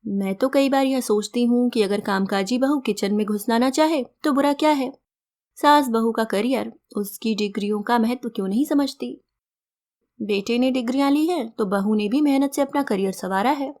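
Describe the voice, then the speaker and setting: A woman storyteller reading a first-person story aloud in a gentle, reflective, measured way. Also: fairly high pitch.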